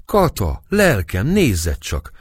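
A man reading aloud and voicing a gruff, hearty middle-aged castle lord who speaks in a raised, booming voice. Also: sing-song, no echo, studio quality. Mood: blustering.

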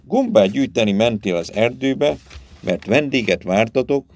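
A man's voice: mid-range voice, expressive, a little mellow, close to an everyday voice. A man playing a stern, resolute young woman. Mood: firm, earnest. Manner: firm, commanding.

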